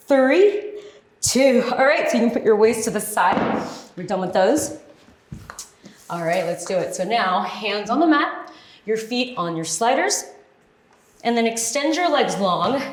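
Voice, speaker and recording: A woman working as an aerobics instructor, leading a workout with short, encouraging, directive cues and counted-out moves. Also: fairly high pitch. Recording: echoey, roomy sound.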